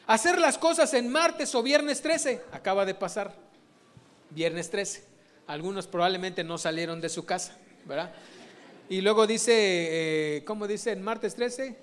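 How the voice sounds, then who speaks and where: High-voiced preacher. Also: male voice, measured pace, a bit bright, a little hiss or hum. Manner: conversational, rhetorical questions to the congregation. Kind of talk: informal sermon teaching.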